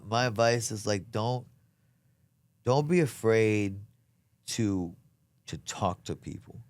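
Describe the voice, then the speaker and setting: Guy w a lowish voice, chatting casual n earnest, lots of man and bro, close dry sound. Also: a little mellow, clear, resonant tone, dry recording. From south Louisiana, United States. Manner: earnest, emphatic, slangy, peppers talk with "man" and "bro". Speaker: comedian being interviewed. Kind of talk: casual chat.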